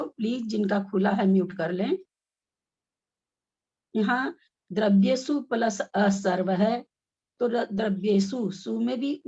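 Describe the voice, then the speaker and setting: Woman teacher, slow deliberate speech, husky voice, dull lo-fi call audio. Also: fairly high pitch, warm tone. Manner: slow, careful, syllable-by-syllable pronunciation coaching. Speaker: teacher leading a scripture recitation class. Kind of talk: online recitation lesson. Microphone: phone on a video call.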